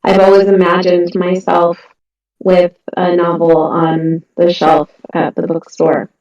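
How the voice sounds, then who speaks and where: With a lowish, monotone voice and a darkish tone at a measured pace, a middle-aged indie author chats earnestly yet casually about her writing, frequently saying "um" and starting over. She's at home on a voice chat, and the computer mic yields echoey, muffled, distant audio.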